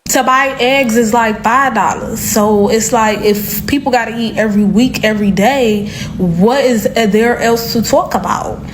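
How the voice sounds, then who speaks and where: Blunt woman talking over background noise. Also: fairly high pitch. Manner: blunt, rhetorical, repeats "okay". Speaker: commenter in a stitched clip. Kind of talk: opinionated casual talk. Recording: clip with clear background noise.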